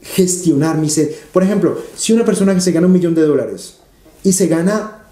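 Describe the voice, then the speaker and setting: A man's voice: sits high, brisk, dark tone, echoey room. A man, an interview guest telling stories animatedly and repeating phrases for emphasis. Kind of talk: conversational interview storytelling.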